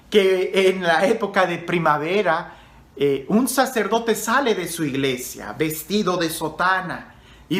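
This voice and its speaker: A man's voice: high voice, fairly bright tone, roomy sound. A male priest telling a story in a conversational sermon, addressing the listener directly.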